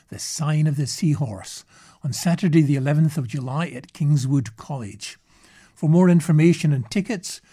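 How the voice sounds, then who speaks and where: A man's voice: on the high side, mellow. A man radio announcer reading a scripted wrap-up with event details and web addresses.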